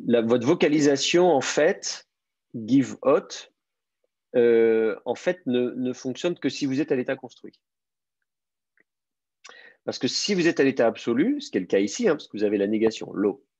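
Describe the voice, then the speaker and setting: A man teaching Hebrew in an online class, explaining patiently and repeating key words slowly. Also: mid-range voice, darkish tone, dry recording, dull audio.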